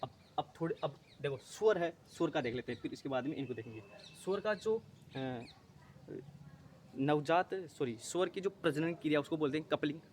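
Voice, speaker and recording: A man's voice: a little high, expressive, moderate pace, darkish tone, slight background noise. A male teacher running an exam-prep lesson, repeating terms, asking and answering his own questions, often correcting himself.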